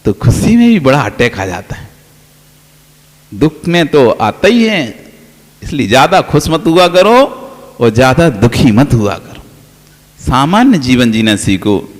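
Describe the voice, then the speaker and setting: Jain monk preaching in a hall. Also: male voice, mid-range voice, big pitch swings, a little slow, pauses often. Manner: storytelling with playful quoted dialogue and laughs. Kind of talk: sermon. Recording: long reverb of a hall.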